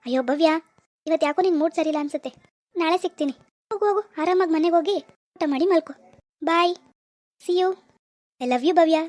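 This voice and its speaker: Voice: very high-pitched, a little fast, long pauses, darkish tone, dry recording. A performer voicing a pushy young man who stalks a schoolgirl in a cartoon, syrupy one moment and menacing the next. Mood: pleading. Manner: menacing and syrupy, calls her baby. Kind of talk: Kannada cartoon voice acting.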